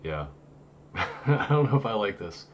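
A man's voice: fairly low pitch, very animated, measured pace, muffled recording, a little hiss or hum. A man in his thirties hosting a casual live stream from a home studio, talking in a loose, rambling way with many fillers and restarts. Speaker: host of a paranormal live stream.

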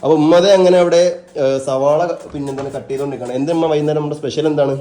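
A man's voice: fairly high pitch, fairly even intonation, very fast, mellow. A man chatting casually to his viewers as he films his own family vlog, rambling and talking straight to the camera. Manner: teasing with family. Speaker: vlogger.

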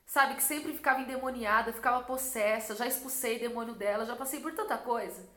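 A young Brazilian woman vlogger recounts a personal religious story with intense emotion, repeating herself a great deal in Brazilian Portuguese. Her voice is on the high side, brisk and sharp, in an echoey room.

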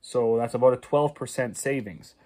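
Holding his phone at arm's length in a small paneled room, a thirtysomething male farmer and video host from Canada gives a casual explainer. His voice is medium-pitched and darkish, his pace moderate, and his chatty, rambling talk is packed with fillers and restarts while he stresses prices.

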